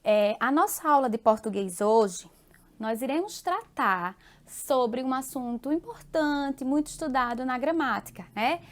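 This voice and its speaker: High-voiced woman teaching slowly. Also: animated. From Brazil. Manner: warm, affectionate, frequent tag questions; spells out and repeats example words slowly. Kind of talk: remote classroom lesson.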